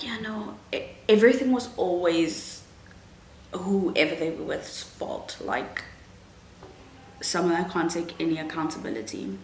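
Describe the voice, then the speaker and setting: This slow-speaking young vlogger, whose first language is Afrikaans, has a fairly low and slightly mellow voice. Answering viewers' questions in a relaxed Q&A, she's frank and talkative, dropping plenty of "um"s and "like"s. A faint background hum and an echoey room colour the recording.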